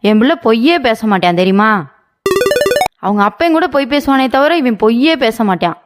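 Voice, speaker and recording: A woman's voice: on the high side, expressive, fairly quick, loud music behind the voice, lightly acted. A woman voicing a mother in a cartoon story who argues indignantly with a neighbour to defend her son. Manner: indignant, argumentative.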